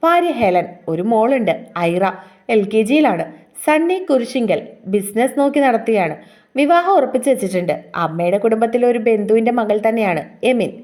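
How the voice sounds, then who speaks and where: A woman's voice: a little high, expressive, normal speed, a little mellow. Woman reading a love story.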